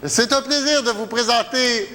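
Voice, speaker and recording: A man's voice: very high voice, normal speed, heavy background noise. A man hosting a comedy show, introducing acts in an emphatic announcer style. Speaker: host. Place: comedy stage in a theater. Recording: echoey hall, music and loud crowd.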